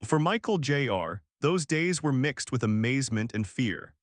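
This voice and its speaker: A man reading a scripted documentary narration in a measured, dramatic storytelling manner. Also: mid-range voice, expressive, no echo, studio quality.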